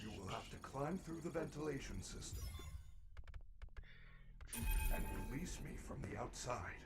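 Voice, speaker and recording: A man voicing a gentle, polite animatronic bear robot in a video game, speaking with a careful, reassuring robotic voice. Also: mid-range voice, animated, a little slow, loud music behind the voice.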